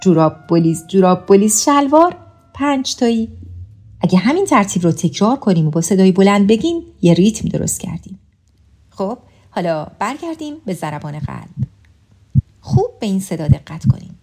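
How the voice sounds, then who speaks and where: A woman's voice: mid-range voice, big pitch swings, mellow, breathy edge. A woman narrating a music lesson in a patient, explaining way, chanting rhythm patterns aloud. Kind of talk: scripted educational narration.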